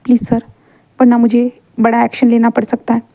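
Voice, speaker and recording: A woman's voice: fairly high pitch, completely flat delivery, moderate pace, gravelly, warm tone, no echo. Woman voicing a pleading young male student. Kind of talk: fan story read-aloud.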